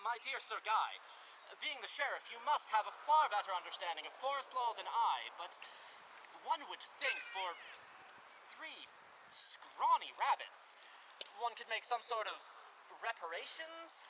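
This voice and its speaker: A man playing a swaggering, mock-courteous gentleman outlaw in an outdoor stage play. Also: high-pitched, very animated, measured pace. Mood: sly bargaining. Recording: noisy outdoor live stage recording.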